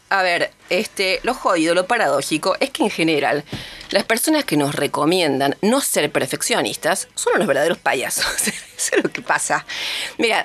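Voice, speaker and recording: A woman with a Rioplatense accent giving an animated, mocking comedic monologue and acting out voices. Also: lowish voice. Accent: Rioplatense Spanish.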